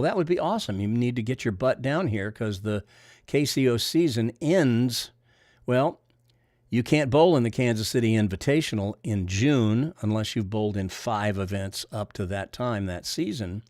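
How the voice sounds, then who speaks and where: Older male bowling coach, Missouri accent, deep nasal voice, casual folksy livestream chatter, dry sound. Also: darkish tone, dry recording. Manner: folksy, rambling, reads comments aloud and answers them. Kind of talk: casual livestream chat reading viewer comments.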